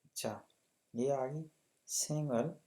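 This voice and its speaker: A man's voice: medium pitch, slow pace, warm tone. A man teaching a language lesson. He explains the textbook patiently, often checks that students follow, and repeats example words for pronunciation. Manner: patient, checks understanding with repeated tag questions.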